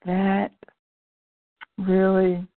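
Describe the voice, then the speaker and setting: A woman on a group call, reading a spiritual passage aloud in a slow, measured way. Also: medium pitch, monotone, no echo. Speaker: call participant. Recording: tinny phone line.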